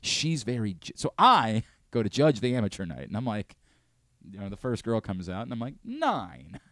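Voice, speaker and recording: A man hosting a sports radio show, telling a long story in casual chat with quick asides and laughs. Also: lowish voice, expressive, fairly bright tone, dry recording, studio quality. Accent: American. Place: radio studio. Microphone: studio microphone.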